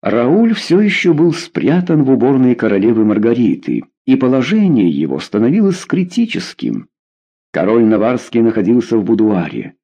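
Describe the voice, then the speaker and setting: A man narrating a historical novel in an expressive, measured audiobook reading. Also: medium pitch.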